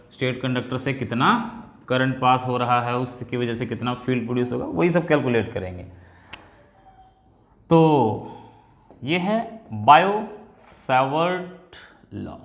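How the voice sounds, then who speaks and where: A man teaching physics as a class lecture, explaining step by step and repeating the key terms. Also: medium pitch. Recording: echoey room.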